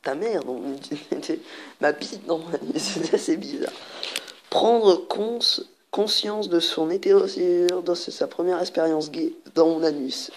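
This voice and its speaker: There's a little hiss or hum behind this woman's low, unhurried voice. She hosts a let's play of an online party card game on her channel, reading the cards aloud, laughing frequently, and joking crudely.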